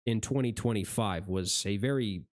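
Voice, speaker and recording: A man hosting a gaming channel in casual, rambling vlog talk, correcting himself mid-sentence, his voice going hoarse. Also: mid-range voice, moderate pace, darkish tone.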